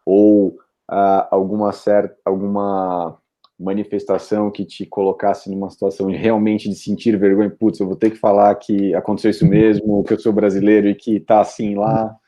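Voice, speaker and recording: A man's voice: fairly low pitch, level tone, normal speed, dark tone. A man interviewing a guest over a video call, asking conversational questions and giving short affirming replies.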